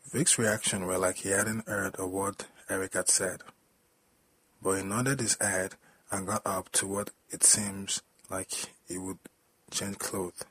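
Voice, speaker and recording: A man reading a story aloud in a plain, steady storytelling manner. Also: low voice, measured pace, breathy edge, dry recording, rough recording. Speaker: story narrator.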